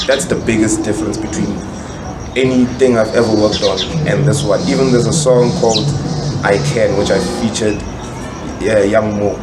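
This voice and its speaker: A South African rapper and musician, appearing as a podcast guest, speaks casually and reflectively in a fairly low, steady voice at a moderate pace. He explains himself at length, repeating words for emphasis. The room is echoey, with loud background noise.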